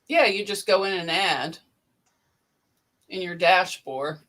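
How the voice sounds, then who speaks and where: A woman hosting a casual sewing livestream, briskly reading out viewer names and bid amounts from the chat. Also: fairly low pitch, a bit bright. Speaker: livestream host. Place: indoor sewing room.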